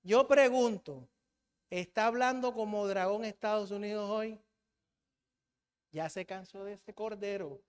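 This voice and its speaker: A man's voice: sits high, measured pace, long pauses, clear, resonant tone, long reverb tail. A Colombian man preaching a sermon in a church, asking the congregation questions and having them call back the answers.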